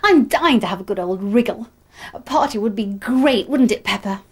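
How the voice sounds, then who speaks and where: Woman doing a vain gossipy salt cellar in a kids story, swoopy highish voice. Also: expressive, moderate pace, husky. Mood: excited. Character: vain, chatty salt cellar, party lover.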